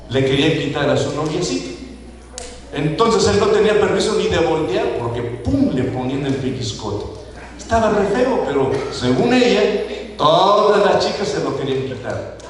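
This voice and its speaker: A man with a Mexican Spanish accent preaching a sermon to his congregation, asking them questions and acting out the people he quotes. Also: high voice. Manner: asks the congregation questions, acts out quoted voices. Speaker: pastor. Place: church sanctuary. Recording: echoey church hall, voice from far off.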